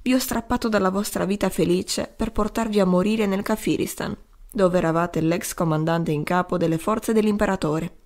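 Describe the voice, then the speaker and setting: A woman's voice: mid-range voice, steady tone, normal speed, darkish tone, lightly acted. A woman voicing a proud, doomed man king who speaks with dignified command. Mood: remorseful. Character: proud doomed male king facing death.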